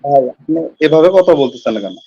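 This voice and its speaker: An insistent man calls into a heated debate and presses his case from scripture. He talks fast, and his voice sits fairly high. His call comes through muffled and lo-fi. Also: animated, a crowd in the background. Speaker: debate caller.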